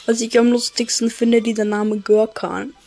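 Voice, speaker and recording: A woman's voice: fairly high pitch, flat delivery, moderate pace, vocal fry, warm tone, soft background music. A woman giving casual, joking commentary while playing a video game and reading its text aloud. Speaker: gameplay streamer.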